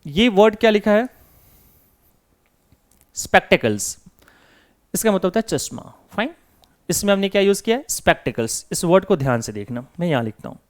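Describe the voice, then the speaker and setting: A man's voice: high voice, animated, moderate pace, long pauses. A man teaching English grammar in Hindi, asking and answering his own questions as if voicing his students. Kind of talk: classroom lesson.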